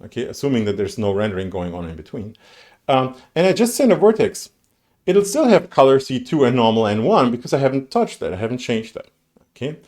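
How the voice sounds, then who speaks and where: A man's voice: medium pitch, sing-song, a little fast, darkish tone. A man giving a university lecture, talking conversationally with many fillers, restarts and dry sarcasm. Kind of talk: recorded lecture on graphics programming. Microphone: streamed lecture mic.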